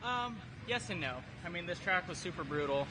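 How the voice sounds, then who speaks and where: Candid male racer, slightly high voice. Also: expressive, a little fast, sharp tone. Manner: candid, matter-of-fact. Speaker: racer being interviewed. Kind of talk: casual post-race interview. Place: outdoors at a race track. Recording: clear outdoor vehicle and ambience noise.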